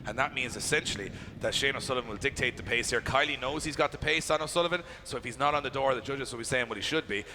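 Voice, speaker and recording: Very fast-talking male motorsport commentator. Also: medium pitch, pushed and bright. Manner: chatty, hyping, emphatic. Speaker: motorsport commentator and event announcer. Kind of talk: live commentary and crowd announcing. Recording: clear engine and outdoor track noise.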